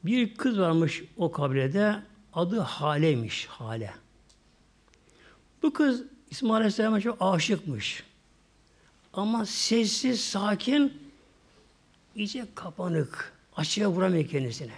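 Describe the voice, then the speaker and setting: A male preacher telling a religious story in a sermon, repeating himself and often slowing down for emphasis. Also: high-pitched, very animated.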